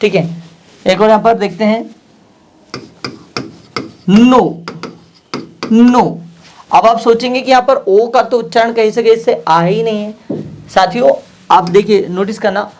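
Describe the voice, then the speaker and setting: A man's voice: high-pitched, steady tone, normal speed, darkish tone. A man teaching a language lesson, patiently repeating each phrase and word and asking his listeners questions he then answers himself. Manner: addresses listeners directly, asks and answers his own questions.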